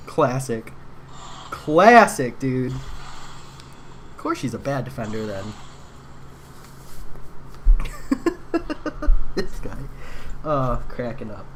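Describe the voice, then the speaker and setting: A man's voice: medium pitch, expressive, slow, long pauses, noisy background. A man streaming a game live, chatting casually with his viewers in a laid-back, slangy way and answering them by name. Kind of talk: casual livestream chat while playing.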